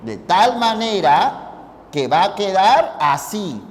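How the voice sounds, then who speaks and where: Slow, animated teacher in a reverberant hall. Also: medium pitch, a little hiss or hum. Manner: explains step by step, keeps asking if students follow; addresses listeners informally, pointing at the board. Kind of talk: classroom logic lesson.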